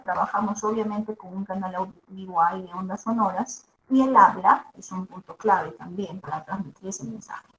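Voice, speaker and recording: A woman's voice: medium pitch, slight background noise. A woman teacher with a mezzo-soprano voice gives a classroom lecture, checking in with her students after each point. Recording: echoey room.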